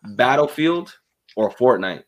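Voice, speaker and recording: A man's voice: mid-range voice, lively intonation, takes it slowly. A man running a casual trivia quiz among friends, teasing and laughing as he reads the questions. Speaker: quiz host. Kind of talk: casual chat.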